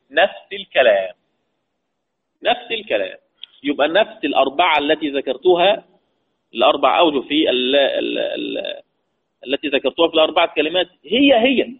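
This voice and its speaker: A man with an Egyptian accent teaching Quran recitation rules, asking the class questions and answering them himself, drawing out key terms slowly. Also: on the high side, husky. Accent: Egyptian Arabic. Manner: slow, drawn-out stress on key terms. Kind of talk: lecture mixing colloquial and formal Arabic. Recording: tinny phone-like lo-fi audio.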